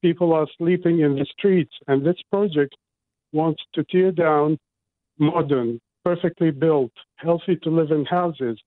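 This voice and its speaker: A man's voice: fairly high pitch, a little slow, no room sound. A man from Iraq, a guest on a radio interview, speaking earnestly and indignantly about his home. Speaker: guest, resident. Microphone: phone. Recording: dry tinny phone line.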